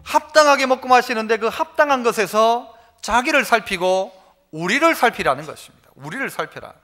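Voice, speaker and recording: A man's voice: extremely high pitch, animated, brisk, sharp tone. A male pastor preaching a sermon at a church service, emphatic, having the congregation repeat phrases and telling homely stories to make his point. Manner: storytelling with homely examples.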